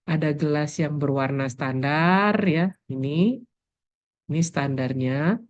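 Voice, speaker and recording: Hoarse woman lecturer nursing a sore throat, patient explainer, dry muffled sound. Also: low voice, slow pace, dry recording. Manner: explanatory, filler-heavy. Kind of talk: lab course briefing.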